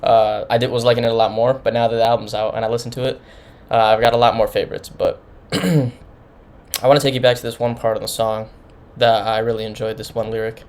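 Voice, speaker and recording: Guy reviewing an album, mid pitch, rambly and casual, keeps restarting. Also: little pitch movement, fast talker, darkish tone. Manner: rambling, informal, many restarts. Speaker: music reviewer.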